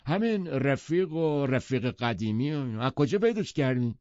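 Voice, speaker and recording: A man's voice: mid-range voice, expressive, mellow, no room sound, voice pushed up, lightly acted. A man voicing an irritable, scornful wealthy man who answers bluntly, in a storybook reading. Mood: irritated. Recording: dull lo-fi audiobook sound.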